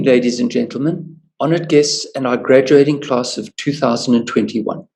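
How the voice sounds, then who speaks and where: A man with a medium-pitched voice gives a formal podium speech in the role of a school principal. He speaks in measured, carefully composed phrases, addressing his listeners as an orator would. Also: darkish tone, rough recording.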